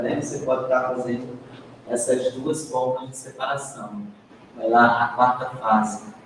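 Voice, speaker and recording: A man's voice: mid-range voice, a little hiss or hum. A Brazilian man teaching a training session, questioning the group and often adding a tag question. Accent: Brazilian Portuguese. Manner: adds "né?" often, prompts the group to answer. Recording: echoey classroom, recorded from a distance.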